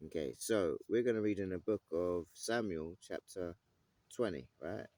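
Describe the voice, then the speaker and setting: Low-voiced man teaching scripture. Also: a little mellow, no room sound. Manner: reads verses aloud, pauses to pose questions; checks in often with "right?" and "okay?". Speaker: Bible teacher.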